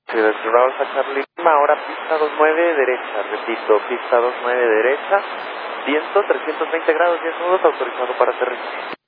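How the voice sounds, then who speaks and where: A man, an air traffic controller giving formal clearances over a crackly two-way radio. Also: mid-range voice. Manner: formal clearances, measured readback. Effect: crackly two-way radio transmission. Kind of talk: radio exchange with pilots. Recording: noisy narrow-band radio.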